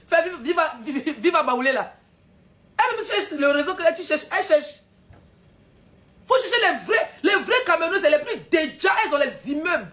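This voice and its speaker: Woman, high pitch, scolding live-stream rant with mocking laughter. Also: fairly bright tone.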